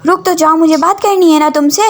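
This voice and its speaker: A woman's voice: very high voice, fairly even intonation, a little fast, pitched above the performer's own voice. A woman voicing Daniyal, cheeky young student. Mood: teasing. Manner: teasing, cheeky and pestering.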